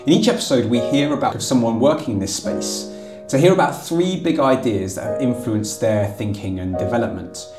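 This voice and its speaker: A man's voice: medium pitch, animated, moderate pace, reverberant, music in the background. A man hosting an interview podcast, introducing his guest and asking conversational questions. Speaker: podcast host.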